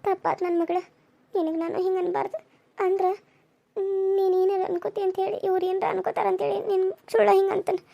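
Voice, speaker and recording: A woman voicing a middle-aged village mother who mutters quietly while hiding the truth, with a North Karnataka Kannada accent. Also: sits high, flat delivery, very fast, no room sound, dull audio, close to an everyday voice. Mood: sorrowful. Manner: hushed, muttering.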